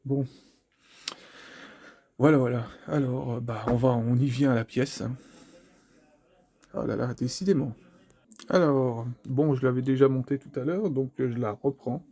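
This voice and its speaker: Gravelly, husky man rambling. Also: mid-range voice, measured pace, long pauses, warm tone. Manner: rambling, repeats words, laughs at himself. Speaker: figure collector presenting a figure. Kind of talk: casual unboxing chat. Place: home room, family heard in the background.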